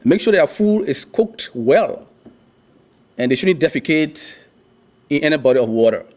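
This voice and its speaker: Presenting to his class, a young Liberian man speaks a little slowly in a slightly high, somewhat mellow voice with big swings in pitch. He comes across as earnest, often starting over and using fillers.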